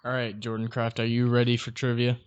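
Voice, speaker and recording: A man's voice: medium pitch, completely flat delivery, a little fast, smooth, dry recording, highs cut off. A young man co-hosting a podcast in casual chat, laid-back with dry teasing. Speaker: podcast co-host.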